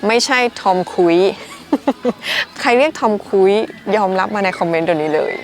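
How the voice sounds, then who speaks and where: Young woman from Thailand, English teacher, playful and teasing, laughs a lot, slow drilled repeats. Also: mid-range voice, animated. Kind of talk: casual pronunciation lesson.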